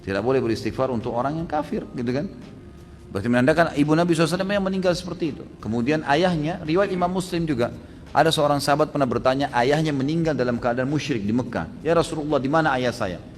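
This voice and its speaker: A man preaching and answering audience questions in a religious lecture. He talks in an animated, emphatic way and jumps sharply upward to stress his rulings. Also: on the high side, very fast, long reverb tail.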